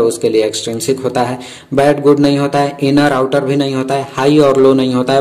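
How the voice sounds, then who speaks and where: A man's voice: mid-range voice, darkish tone, poor audio. A man, tutoring for a vocational exam and explaining answers to quiz questions one by one. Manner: reads each question slowly in English, then explains in Hindi.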